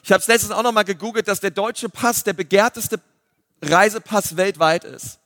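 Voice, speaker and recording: A man, a pastor giving a lively sermon full of fillers. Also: high voice, normal speed, no room sound, studio quality, big-room sound. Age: 30s. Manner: lively preaching with filler words.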